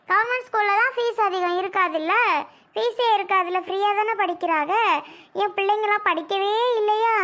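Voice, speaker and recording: A woman playing a sharp-tongued aunt by marriage in a family drama skit, talking in an accusing, sarcastic way. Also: very high voice, voice pushed up.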